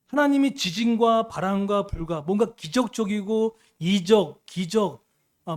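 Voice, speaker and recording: A middle-aged man preaching from the pulpit in a fairly high voice. He delivers the sermon emphatically and keeps putting questions to the listeners. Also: darkish tone. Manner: emphatic, asks the congregation questions. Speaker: pastor.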